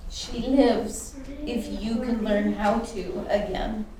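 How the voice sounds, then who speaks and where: A woman playing a stately, blunt Christmas spirit in a radio play, with a grand, measured delivery. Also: fairly high pitch, fairly even intonation, dark tone. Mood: stern. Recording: distant, very echoey room, faint noise.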